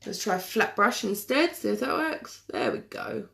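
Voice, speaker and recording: A woman chatting casually through a live makeup tutorial, self-deprecating and quick to laugh. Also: mid-range voice, wildly swooping pitch, creaky, fairly bright tone. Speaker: makeup vlogger.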